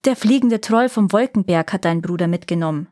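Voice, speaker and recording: A woman's voice: mid-range voice, animated, a little fast, no echo, studio quality, lightly acted. A woman reading a fairy tale aloud and voicing an envious, spiteful young girl who talks haughtily. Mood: angry. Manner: haughty, angry.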